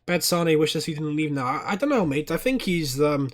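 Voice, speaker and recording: A young man streaming a football watchalong, chatting casually and swearing, and breaking into loud high-pitched rants at fouls. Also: expressive, moderate pace.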